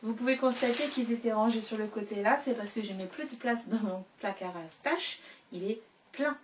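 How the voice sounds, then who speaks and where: A woman's voice: fairly high pitch, moderate pace, far from the mic, slight background noise. A woman chatting casually to the camera about yarn she bought, with many fillers and small laughs. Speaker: knitting vlogger showing yarn purchases.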